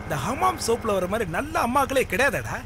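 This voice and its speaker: An actor playing a cocky, boastful young man who jokes and bosses others with brash shouts. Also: very high voice, big pitch swings, brisk, background noise. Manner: brash, joking, bossy shouts. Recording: film soundtrack with loud music.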